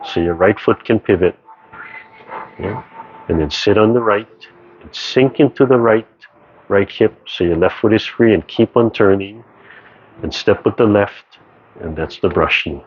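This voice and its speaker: A man teaching tai chi, giving serene, measured step-by-step movement cues in short phrases. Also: lowish voice, slightly rough. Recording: dull, muffled audio with background noise.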